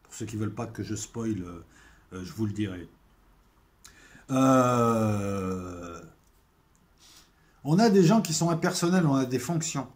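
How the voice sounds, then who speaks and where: A man talking to his viewers in a casual spoken monologue, hesitant, with many fillers and restarts, and getting louder on the points he stresses. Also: medium pitch. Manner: emphatic, swelling loudness on key points. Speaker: video essayist.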